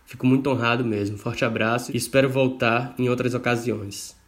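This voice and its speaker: A man's voice: medium pitch, steady tone, fairly quick. A Brazilian man speaking courteously and conversationally as a podcast guest.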